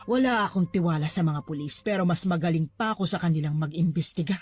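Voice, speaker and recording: A stern, vengeful older mother speaks in a husky, accusing voice, as a woman puts her on. She lectures in cold, preaching tones in a dramatized horror story. Faint music plays underneath. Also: fairly low pitch, fast talker, a little mellow.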